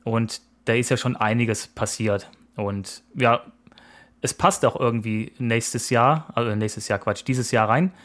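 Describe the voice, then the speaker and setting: A man's voice: mid-range voice, unhurried, a bit bright. A man in his forties co-hosting a podcast, chatting casually in an easygoing, rambling way with frequent hesitations. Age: 40s. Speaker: podcast co-host. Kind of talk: casual chat.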